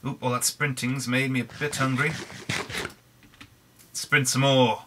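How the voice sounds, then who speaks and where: A young British man with a hoarse, croaky throat, chatting in a rambling way over a Minecraft let's play. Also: medium pitch, level tone, a little slow, sharp tone, slight background noise. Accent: British English. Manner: rambling, chatty, frequent restarts. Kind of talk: casual gameplay commentary.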